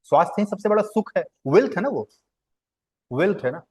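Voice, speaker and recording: A man's voice: high voice, lively intonation, a little fast, darkish tone, slightly rough. A man teaching a Hindi translation lesson, explaining at length, repeating words, spelling them out, and asking questions that he then answers himself.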